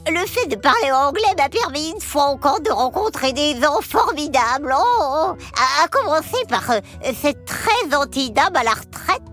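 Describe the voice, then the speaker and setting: A giggly elf storyteller. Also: female voice, sits high, sing-song, a little slow, fairly bright tone, faint music behind, full character voice. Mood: cheerful. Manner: giggly, hesitant with many "euh"s, exclamatory. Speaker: children's storyteller. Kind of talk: children's story narration.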